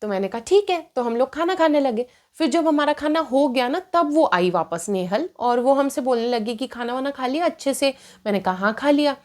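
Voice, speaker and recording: A woman's voice: high-pitched, a little fast, few pauses. A woman in her twenties telling a personal story in casual vlog style, switching between Hindi and English and acting out what people said. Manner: animated, mixing Hindi and English, acting out quotes. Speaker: storytime vlogger.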